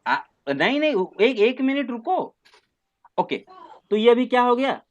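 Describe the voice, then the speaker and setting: Guy teaching math online, pretty high voice, patient, keeps checking if the kids got it. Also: sing-song, unhurried, highs cut off. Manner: patient, coaxing, calls students 'beta'. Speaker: maths teacher. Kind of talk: online class lesson.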